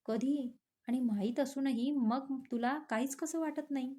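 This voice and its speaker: Young man, woman reader, blunt, impatient, storybook romance, mellow voice. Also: high voice, unhurried.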